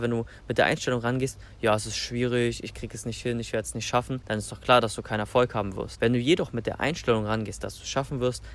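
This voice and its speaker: A man from Germany working as a language coach, giving informal, emphatic instructions in a colloquial, motivational way. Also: medium pitch. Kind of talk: informal instructional talk to camera.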